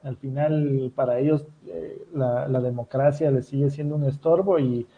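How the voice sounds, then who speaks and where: A man hosting an interview, talking in a measured, analytical way. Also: mid-range voice, steady tone, phone-quality sound. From Guatemala. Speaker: host. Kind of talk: interview commentary.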